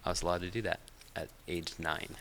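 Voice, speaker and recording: Deep gravelly Finnish-born man. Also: a little fast, a little hiss or hum. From Finland. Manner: relaxed, hesitant, with many fillers. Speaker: podcast guest. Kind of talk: casual interview chat.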